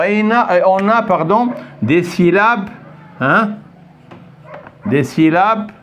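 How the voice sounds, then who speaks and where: Slow, lively older man teaching. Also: fairly high pitch, lo-fi sound, slight background noise. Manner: patient, repeats himself, checks understanding often; questions and praises a child pupil. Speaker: French teacher. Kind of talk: recorded French pronunciation lesson.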